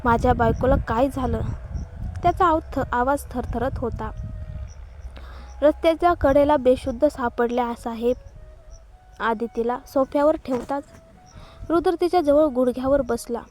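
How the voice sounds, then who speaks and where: A woman reads a romantic drama story aloud as scripted narration. Her voice sits a little high, and she carries every character's lines herself without much change of voice, now and then stumbling and restarting a word. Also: moderate pace, pauses often, a little mellow, soft background music. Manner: small slips and restarts.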